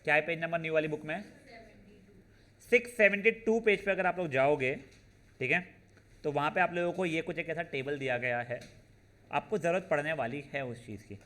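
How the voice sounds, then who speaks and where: Slightly high and sharp-toned, a man's voice delivers a probability lecture as a math teacher. He works through the formulas one step at a time, slowing as he goes, and frequently checks in with his students using "beta" and "theek hai na."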